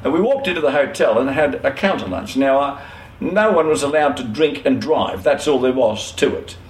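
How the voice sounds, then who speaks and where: A man's voice: mid-range voice, lively intonation, moderate pace. An older Australian man telling a long anecdote for an oral history interview, rambling with many "you know"s and self-corrections. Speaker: interviewee, former trucking company owner. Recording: roomy echo, faint ambient noise.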